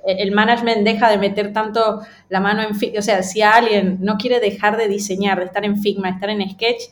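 A woman from Ecuador, a design professional, is a candid guest in a casual interview, speaking briskly in a mid-range voice with fairly even intonation. She uses slang, and the recording has a roomy, echoing sound.

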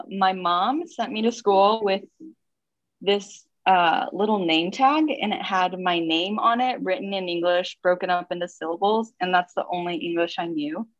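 A woman's voice: medium pitch, dry recording, lo-fi sound. A young woman from Missouri, a guest in a casual interview, reflecting on her life with many "um"s and "like"s. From Missouri, United States. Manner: relaxed, reflective, lots of fillers like "um" and "like".

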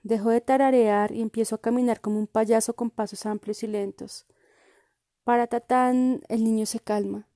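Flat-toned woman reading fiction. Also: a little high, no echo, studio quality. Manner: calm, measured, even storytelling delivery. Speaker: reader. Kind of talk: first-person literary reading.

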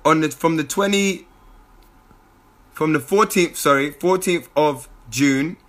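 A man giving a lively motivational talk as a spiritual coach, often laughing. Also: on the high side, takes it slowly. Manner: animated, bursts into shouted impressions and laughter.

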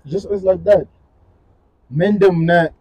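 Male podcast co-host, 20s, high pitch, animated slangy storyteller. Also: takes it slowly, muffled recording. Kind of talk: casual chat.

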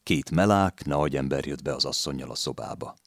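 A man narrating a literary novel in a measured storytelling reading. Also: rumbling low, gravelly, no echo, studio quality.

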